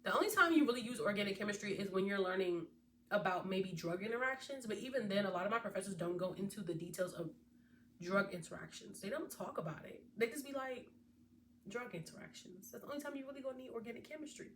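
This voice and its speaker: A woman's voice: medium pitch, fast talker. A woman in her twenties, a veterinary student, giving chatty, casual advice straight to her viewers. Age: 20s. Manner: chatty, animated, speaks directly to viewers. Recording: distant mic with faint background noise.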